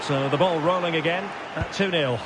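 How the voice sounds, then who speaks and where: A man calling a football match as play-by-play commentator, building to excited shouts when goals go in. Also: a little high, normal speed, a crowd in the background, noisy background. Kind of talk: sports commentary.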